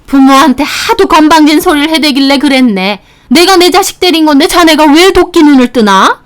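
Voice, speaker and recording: A woman voicing a domineering middle-aged mother-in-law who scolds and shouts in a dramatized story reading. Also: high voice, lively intonation, moderate pace, voice pushed up. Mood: haughty.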